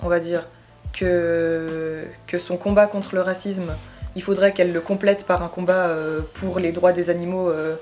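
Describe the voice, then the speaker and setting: Woman, 20s, lowish pitch, hesitant casual vlog talk, faint background music. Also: steady tone, measured pace, darkish tone. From Switzerland. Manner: thoughtful, hesitant, many fillers. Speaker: YouTuber.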